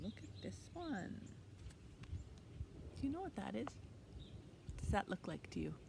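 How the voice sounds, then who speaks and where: A woman in her fifties with a fairly low, vocal-fry voice leads an interactive preschool storytime for a children's library. She uses short, simple phrases and asks the kids encouraging questions. It's recorded outdoors in a leafy backyard, with ambient noise from outside.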